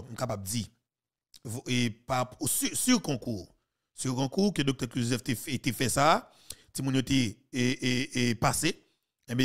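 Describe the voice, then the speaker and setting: A man in his thirties with a Haitian accent, giving heated, mocking political commentary on a podcast, with sudden loud outbursts. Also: medium pitch. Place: small studio. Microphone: studio mic with headphones.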